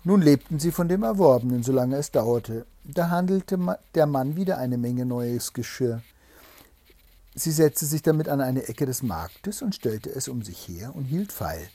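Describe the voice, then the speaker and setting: A man reading a fairy tale aloud to a child, with a lively storytelling delivery. His voice is warm and mellow with a slightly husky grain, and he stops now and then to explain things gently. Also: medium pitch, measured pace, no room sound.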